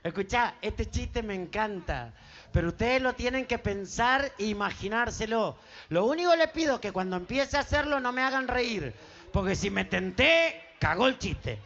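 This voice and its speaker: A stand-up comedian with an Argentine Spanish accent tells crude, teasing jokes on an outdoor festival stage, laughing at his own material. His voice is high and fairly bright, with lively intonation and a moderate pace, and the sound is lo-fi.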